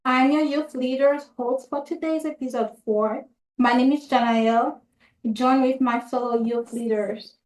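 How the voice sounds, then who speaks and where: A young woman hosts a youth podcast, reading a script haltingly and often stumbling over words and starting again. Her voice sits high, with a steady, somewhat dark tone, on a low-quality recording.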